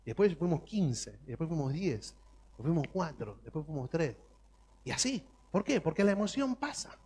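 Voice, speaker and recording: A man's voice: a little high, big pitch swings, normal speed, darkish tone, slightly rough. A man preaching a sermon as pastor, emphatic and full of rhetorical questions.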